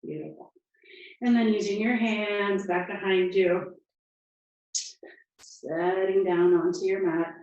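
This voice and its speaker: A woman leading a yoga class, giving calm, encouraging cues and counting breaths, a little out of breath as she moves. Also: medium pitch, slow pace, long pauses. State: slightly out of breath. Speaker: yoga instructor. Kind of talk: guided yoga class instruction. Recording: distant, echoey, muffled room sound.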